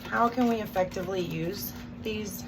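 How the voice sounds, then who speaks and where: A woman's voice: mid-range voice, normal speed. A woman chewing gum while she gives a casual, hesitant, rambling spiritual talk as a tarot reader. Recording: loud background noise.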